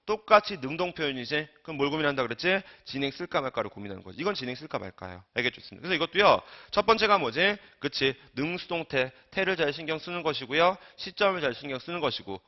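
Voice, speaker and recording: Lively higher-voiced man teaching grammar. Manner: coaxing, asks and answers his own questions; trails off quietly at ends of phrases. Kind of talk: recorded online lecture. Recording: dull lo-fi lecture recording.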